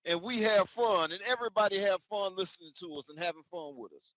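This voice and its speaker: Presenting the word of the day, this male co-host chats casually in a high-pitched, fairly bright voice and talks fast with exuberant, emphatic energy. There's no room sound, though the recording is rough.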